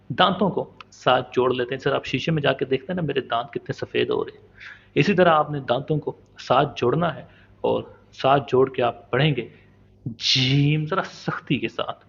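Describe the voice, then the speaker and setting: A man teaching the pronunciation of Arabic letters in a patient, step-by-step lesson, slowly demonstrating and repeating each sound. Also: medium pitch, creaky, slightly rough, muffled recording. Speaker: Quran recitation teacher.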